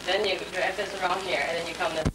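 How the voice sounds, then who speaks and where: A woman's voice: on the low side, steady tone, fast talker. Woman on an old home video tape. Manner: gives step-by-step instructions. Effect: old home video tape sound. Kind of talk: casual home video chat. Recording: noisy, echoey old camcorder tape from far off.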